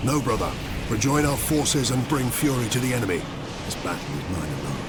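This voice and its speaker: A man's voice: big pitch swings, brisk, close to an everyday voice. A man playing a stern, resolute space marine captain in a video game, speaking in a commanding, solemn and formal manner. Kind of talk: dramatic video game acting. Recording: loud music and rumble behind.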